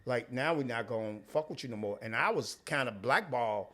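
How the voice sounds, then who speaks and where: A man's voice: mid-range voice, expressive, fairly quick, pushed and bright. A man with a St. Louis accent chatting candidly on a podcast as a comedian guest, slangy and profane, repeating phrases for emphasis. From St. Louis, United States. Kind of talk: candid casual podcast chat.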